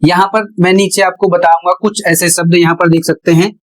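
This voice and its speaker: A male teacher explaining pronunciation rules at a board in a deliberate way, repeating each step. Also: sits high, level tone, poor audio. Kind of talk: slow classroom explanation at a board.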